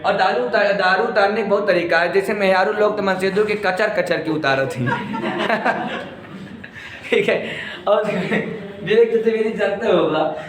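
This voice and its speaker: A man's voice: high-pitched, measured pace, crowd noise. A man teaching Hindi grammar to a class, joking and teasing his students as he corrects sentences. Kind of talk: classroom lecture. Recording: echoey room from far off with class noise.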